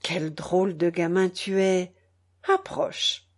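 A woman voicing a gentle young seamstress. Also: on the low side, fairly even intonation, pitched below the performer's own voice. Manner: soft, drawn-out speech.

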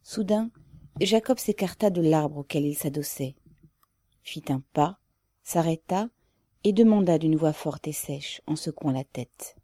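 A woman narrating an audiobook in a measured, even way. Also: sits low, no room sound, clean studio sound.

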